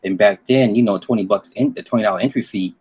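A man's voice: fairly low pitch, fast, a little mellow, slightly rough. A middle-aged man in a casual chat, telling rambling stories full of slang and swearing. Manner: profane, slangy, rambling storytelling.

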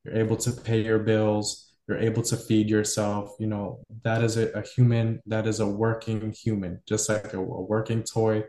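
A man with a low voice speaks in a flat, steady line as he hosts a casual podcast chat. He talks in loose, reflective stretches full of fillers. The room around him is echoey. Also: moderate pace, hardly any pauses. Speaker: podcast host. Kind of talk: casual conversation.

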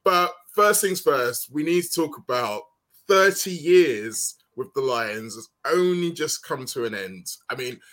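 A man's voice: a little high, animated, measured pace, fairly bright tone. A man hosting a podcast and asking a guest friendly, chatty questions. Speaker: podcast host. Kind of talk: interview.

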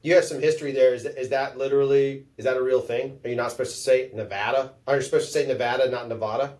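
A man's voice: medium pitch, steady tone, quick pace, a little mellow. A man hosting a casual podcast, rambling and joking at his own expense. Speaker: podcast host. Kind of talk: casual chat. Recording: distant from the mic.

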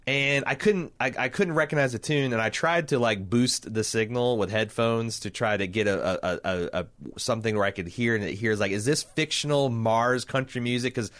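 A middle-aged man with a low voice chats casually on a podcast. He recaps a TV episode with animated energy, restarts his sentences, and swears freely. The sound is dry and close to the mic. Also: a little fast, few pauses, no room sound. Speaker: podcast co-host.

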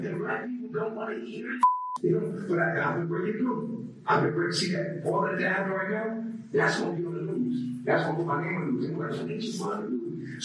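A man's voice: sits high, a bit bright. A man speaking in a police interview, heard as a recording of a recording played through a speaker, talking in rambling, preachy declarations. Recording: echoey distant playback with faint noise.

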